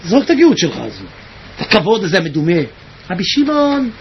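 A man giving an impassioned sermon, swinging between tearful shouts and low, quiet murmurs, with a husky voice. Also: huge pitch swings, lo-fi sound, background noise. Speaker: preacher.

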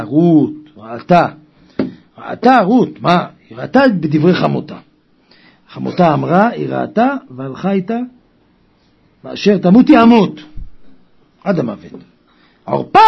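A man delivers a Torah sermon with fervor, his voice high and gravelly. He swings between hushed, husky stretches and loud cries. The recording is dull and lo-fi. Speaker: preacher.

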